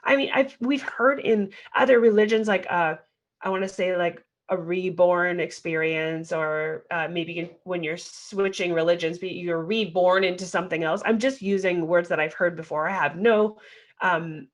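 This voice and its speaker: A woman's voice: lowish voice, steady tone, normal speed. A woman hosting a podcast, speaking in an earnest, exhorting motivational monologue that leans on rhetorical questions. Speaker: podcast host.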